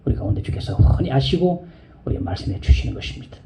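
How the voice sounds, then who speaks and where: A male pastor preaching a sermon, telling a story in a low voice and rising to high, pleading cries. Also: lively intonation, fast talker, noisy background.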